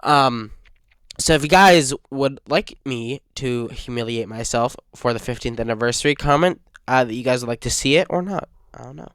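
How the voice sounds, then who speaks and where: Young male fan host, under the weather, rambles and stumbles; smooth, clear tone, dry close recording. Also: medium pitch, moderate pace, a bit bright, no echo. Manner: rambling, hesitant with frequent uh fillers. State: sick, stuttering. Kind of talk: casual fan review talk.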